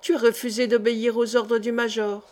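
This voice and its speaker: A woman's voice: on the high side, level tone, brisk, a little mellow, natural voice. A woman reading the lines of a jovial, teasing older male colonel in an audiobook, in a bantering, mocking tone.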